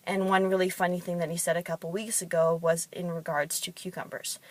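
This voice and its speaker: A woman's voice: lowish voice, flat delivery, a little fast, dry recording. A woman who works in fitness and competes in bodybuilding, telling chatty stories with frequent ums. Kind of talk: casual storytelling monologue.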